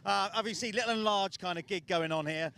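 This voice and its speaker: Male sports co-presenter, high-pitched, matey and chatty, casual live outdoor sign-off. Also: fairly quick, pushed and bright. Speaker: broadcast co-presenter. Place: outdoors at a race track.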